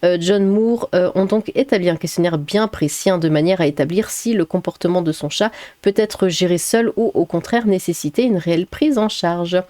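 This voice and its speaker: A woman's voice: lowish voice, moderate pace, mellow, dry recording. Woman vlogging, casual and giggly, lots of euh, dry close sound. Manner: chatty, giggly, many fillers and restarts. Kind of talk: casual chat, reading a quiz aloud.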